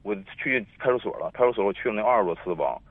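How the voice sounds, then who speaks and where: A man's voice: lowish voice, expressive, racing, no room sound. A man in his thirties calling in on the phone, rambling and repeating himself as he tells his story. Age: 30s. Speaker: caller. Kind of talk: phone-in call telling a personal story. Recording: tinny dry phone line.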